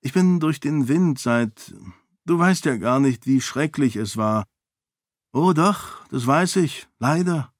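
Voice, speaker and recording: A man's voice: on the high side, expressive, no echo, clean studio sound, pitched above the performer's own voice. A man voicing a spirited young princess. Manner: quick, spirited, self-assured. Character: sharp-witted young royal woman. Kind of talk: audiobook character voice.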